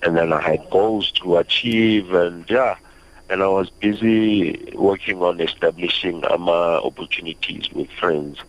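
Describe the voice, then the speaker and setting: A young man with a South African accent giving a halting, reflective personal account as a radio interview guest. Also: low-pitched. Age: young adult. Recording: slightly muffled radio audio.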